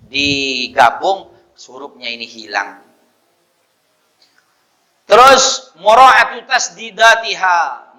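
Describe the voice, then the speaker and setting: A man's voice: high voice, bright, forceful tone. A man teaching a religious lesson in a mosque. He explains points and then chants Arabic verses to demonstrate them. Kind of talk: religious lesson with recited examples.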